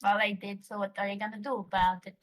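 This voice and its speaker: A woman's voice: medium pitch, flat delivery, quick pace. A woman who plays tabletop games, talking casually with friends. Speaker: tabletop game player. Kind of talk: casual chat.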